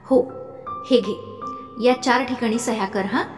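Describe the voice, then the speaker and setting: A woman plays an older mother figure in an audiobook story, coaxing and firm by turns. The delivery is slow and deliberate. The voice echoes in a reverberant room with faint music underneath. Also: fairly high pitch, natural voice. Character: older mother figure, fond but insistent. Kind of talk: audiobook narration.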